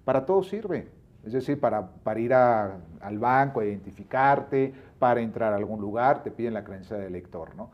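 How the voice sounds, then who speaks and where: A man's voice: mid-range voice, lively intonation, normal speed, dull audio. A Mexican man speaking as a guest on a talk show, explaining at length and citing laws, years and figures.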